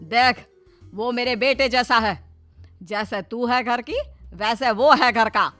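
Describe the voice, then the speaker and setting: A woman voicing a stern, sharp-tongued middle-aged mother-in-law in an animated story, scolding with cutting retorts. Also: on the high side, slow, no echo, faint music behind.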